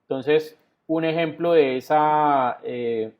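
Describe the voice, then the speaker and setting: A man's voice: on the high side, takes it slowly. A man with a Colombian Spanish accent teaching a virtual class, explaining step by step and often checking in with the students. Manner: explanatory, frequent "entonces" and checks like "¿sí?". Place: home or office, video call. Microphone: computer mic on video call. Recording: dull lo-fi online class audio.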